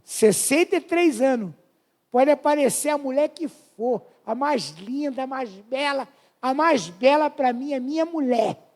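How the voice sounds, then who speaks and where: A man's voice: very high voice, animated, measured pace, darkish tone. A man in his fifties with a Brazilian Portuguese accent, preaching a fervent testimony to a congregation. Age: 50s. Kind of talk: sermon testimony.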